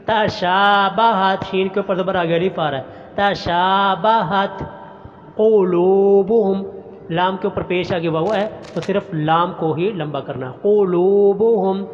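High voiced guy teaching quran recitation, chants slow then explains quick, muffled recording w long echo. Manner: slowly chants each verse, then explains rules briskly. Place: online class recording.

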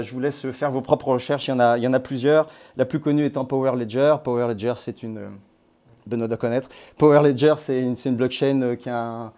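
Guy presenting to a small meetup, chatty and hesitant, lots of restarts, ordinary pitch. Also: dark tone. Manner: conversational and halting, with many hesitations and restarts. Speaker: crypto platform founder giving a talk. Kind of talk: informal presentation to a meetup group. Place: based in Nouméa.

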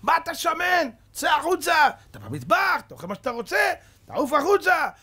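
A man voicing a cruel German officer, shouting furious, barking orders. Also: very high-pitched, very animated, pitched above the performer's own voice, full character voice. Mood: enraged.

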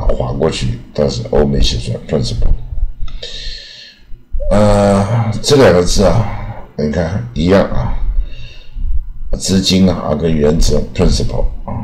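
A man teaching English pronunciation, saying each word slowly several times and often ending his phrases with a drawn-out "ah". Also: very deep voice, darkish tone, poor audio. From Taiwan.

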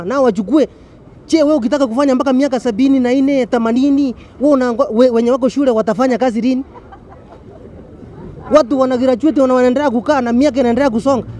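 A man's voice: extremely high pitch, mellow. A middle-aged man with a Kenyan accent, gesturing and arguing insistently in an outdoor street interview with a handheld mic. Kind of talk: vox pop street interview. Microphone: handheld furry mic.

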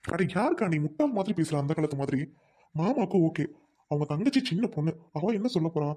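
Man as a fast-talking loyal younger brother, dark tone, urgent and pleading, family drama. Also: on the high side, big pitch swings, slight background noise. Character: devoted hot-tempered younger brother.

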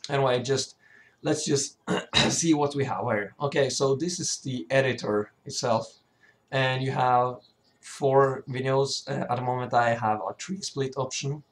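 A man who sounds sick, with a cracking voice, giving an informal, hesitant software tutorial. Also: mid-range voice, fairly even intonation, a little slow. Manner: hesitant, often stumbling and throat-clearing. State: sick, sore voice. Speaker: tutorial presenter, level designer.

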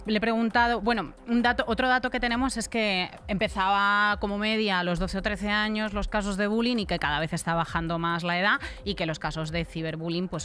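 Recorded in a radio-style podcast studio through a close desk microphone, this middle-aged Spanish co-host with a Castilian accent chats about the news in a casual, colloquial way. Her voice is on the low side and a bit bright, with a little hiss or hum audible.

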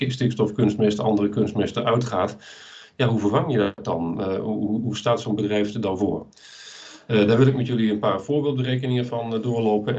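A man in his fifties lectures over a video call in a measured, explanatory way, talking his audience through slides. His voice sits fairly low. The call audio is dull and lo-fi. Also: darkish tone. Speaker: lecturer presenting a webinar. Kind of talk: webinar presentation with slides.

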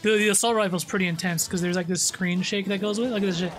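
A man's voice: high voice, fairly even intonation, rapid-fire, a bit bright. A man hosting a casual co-op gameplay stream from home, joking and swearing as he talks. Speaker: streamer host.

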